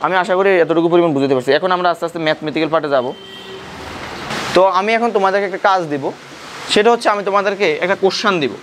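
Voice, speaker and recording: High-voiced man tutoring in class. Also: racing, noisy background. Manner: questioning students, repeating points. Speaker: physics tutor. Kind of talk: classroom lecture.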